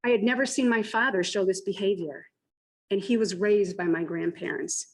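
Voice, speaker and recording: An older woman steps up to give her public comment at a school committee meeting. She is short of breath and talks as fast as she can so she can finish in her time. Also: medium pitch, low-quality recording.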